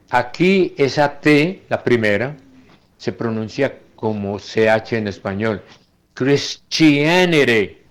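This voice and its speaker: A man teaching English phonetics in a lecture, slowly modelling English words aloud as he goes through slides. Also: fairly low pitch.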